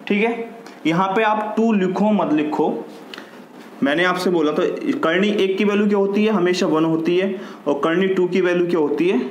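Male maths teacher, Hindi accent, patient step-by-step explainer; roomy recording with faint hiss. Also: high-pitched. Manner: explains step by step, asks and answers his own questions. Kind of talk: classroom lesson. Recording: echoey room with faint noise.

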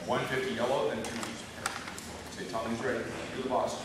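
A man moderating a school debate in a relaxed, joking way, giving instructions. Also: mid-range voice, a little fast. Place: large school gym or hall. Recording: echoey hall, far mic, loud noise.

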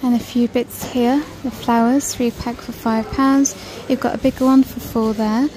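Narrating a casual shop-with-me video in a big store aisle, a woman from the United Kingdom reads out prices while she browses. She speaks at normal speed with a mellow, a little high voice and fairly even intonation. The recording, made on a handheld phone camera, is rough.

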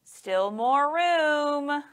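A woman doing a high, eager little boy. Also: expressive, drawn-out words, fairly bright tone, exaggerated voice. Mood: coaxing. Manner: coaxing, sing-song. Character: small eager boy swallowed by a snake.

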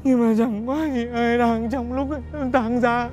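An actor playing a tactless, nosy village neighbor who laments dramatically and explains things like a know-it-all. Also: male voice, very high voice, level tone, measured pace, over loud music. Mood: chatty.

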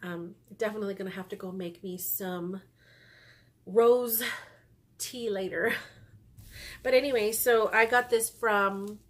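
Speaking slowly with long pauses, a woman in her forties with a stuffy nose rambles to camera about her knitting for her podcast, full of ums and small laughs. Her tone is steady and medium-pitched, and she's indoors in a small room at home.

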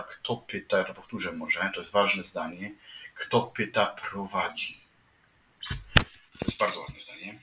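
A man's voice: deep voice, bright, forceful tone. A man hosting a livestream, rambling through headlines with wry asides and constant audience address. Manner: meandering, repeats "proszę państwa", wry asides. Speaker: livestream host reading news headlines. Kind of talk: rambling live commentary on headlines. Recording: echoey room, mic at a distance, audible noise.

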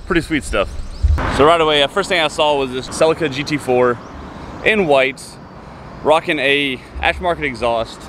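This car vlogger, a man in his thirties, has a slightly high voice and a moderate pace as he chats casually and eagerly with viewers. He's outside near roadside car lots and shops, and his handheld camera mic carries the surrounding street noise.

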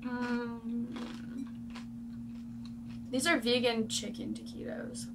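A woman's voice: fairly high pitch, drawn-out words. A young woman chatting casually in an eating vlog, talking with her mouth partly full. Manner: chatty and giggly, swears casually. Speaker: vlogger. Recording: steady background noise.

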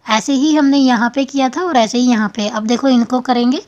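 Woman doing a crochet how-to, counts stitches out loud, kinda high voice, muffled lo-fi sound. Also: a little fast. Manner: counts stitches aloud, patient and repetitive. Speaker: crochet tutorial host. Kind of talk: step-by-step craft tutorial.

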